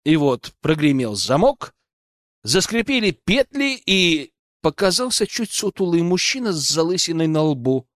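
A man's voice: a little high, very animated, a little slow, a bit bright, dry recording, studio quality. A man narrating a first-person story as an audiobook, with an ironic, storytelling manner.

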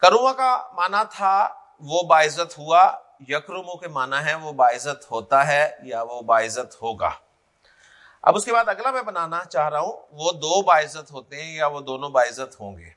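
A man's voice: fairly high pitch, animated, a bit bright. A man with a Pakistani Urdu accent teaching Arabic grammar as a lecture, drilling word forms aloud and often checking that students follow. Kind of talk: classroom lecture.

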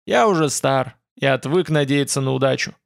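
A male audiobook narrator voicing an old, slow-speaking, grumbling advisor in a fantasy storybook. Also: medium pitch, vocal fry, natural voice. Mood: measured, grumbling. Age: older.

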